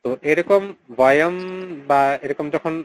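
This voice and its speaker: Guy teaching a chant over a video call, kinda high voice, says each syllable again and again, slow and careful. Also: poor audio. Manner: slow, repeats syllables to model pronunciation; chants mantra lines in a drawn-out tone. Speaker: teacher of mantra recitation. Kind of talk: online class instruction.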